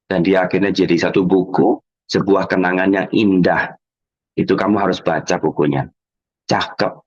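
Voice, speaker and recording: Animated man coaching. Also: moderate pace, husky. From Indonesia. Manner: animated storytelling, acting out quoted voices with sudden high jumps. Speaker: emotional coach. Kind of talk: motivational talk. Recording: slightly dull lo-fi audio.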